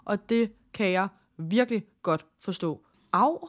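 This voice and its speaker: A young woman, co-hosting a casual podcast and responding in a sympathetic, reflective way. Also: mid-range voice. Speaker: podcast co-host.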